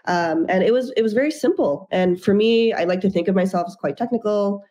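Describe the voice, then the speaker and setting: A woman's voice: mid-range voice, fairly quick, warm tone. A young adult woman, a startup founder, telling her story fluently and upbeat as the guest in an interview over a video call from a room at home. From Japan and the United States. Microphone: video call webcam.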